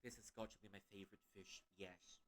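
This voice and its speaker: A man's voice: fairly low pitch, steady tone, brisk, fairly bright tone, a little hiss or hum. A young man from Malaysia with a Malaysian English accent, a playful streamer who laughs often while commenting on a game.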